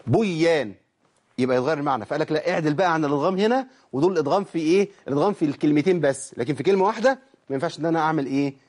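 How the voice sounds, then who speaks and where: An Egyptian man with a slightly high voice gives a religious lesson on recitation rules. He chants verse lines slowly, then breaks them down in relaxed colloquial talk, often asking his students questions. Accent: Egyptian Arabic. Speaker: Quran recitation teacher.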